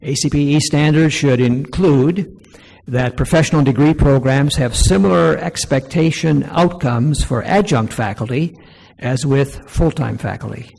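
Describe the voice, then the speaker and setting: Guy going through poll results, a bit raspy, slows down to read each item, big echoey hall. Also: medium pitch. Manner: reads each item aloud louder and slower. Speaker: presenter leading a workshop poll. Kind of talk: presenting poll results to an audience. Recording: long hall reverb.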